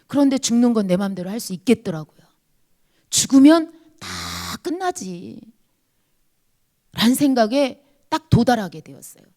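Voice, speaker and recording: A woman gives an earnest church testimony in a high voice that rises and falls widely. She tells her story in a confessional way, addresses the congregation directly and sometimes sinks into a near-whisper. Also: lively intonation, fast talker. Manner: earnest confessional storytelling, dropping to a hushed whisper at low points. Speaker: pastor's wife giving testimony.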